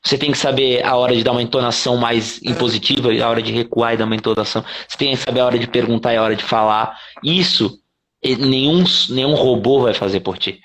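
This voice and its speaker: A man from Brazil, a company CEO, talking casually in an interview, quick and animated, swearing freely and acting out what clients say. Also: mid-range voice. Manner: fast, animated explaining with swearing and acted-out quotes.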